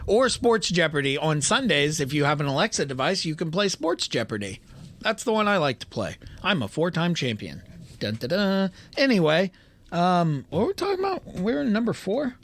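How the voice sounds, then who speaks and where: High-voiced, lively laughing podcast guy. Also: brisk. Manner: laughing, swearing, animated ranking banter. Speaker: podcast co-host. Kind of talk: casual chat.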